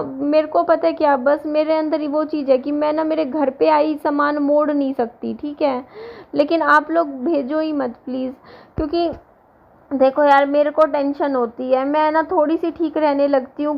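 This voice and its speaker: A woman in her thirties, hoarse from a sore throat, rambling casually to her viewers in a home vlog. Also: high voice, muffled recording. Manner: rambling, restarts often, talks to viewers directly. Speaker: vlogger.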